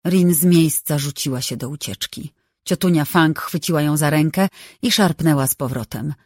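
Audiobook narrator reading a novel, steady measured delivery, super dry close mic. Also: mid-range voice, no echo.

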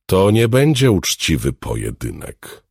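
A man voicing a calm, deceptively gentle alchemist swordsman, a deadly fighter, in an audiobook reading. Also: deep voice, measured pace, husky, no echo, studio quality, voice pushed up, exaggerated voice. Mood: calm menace.

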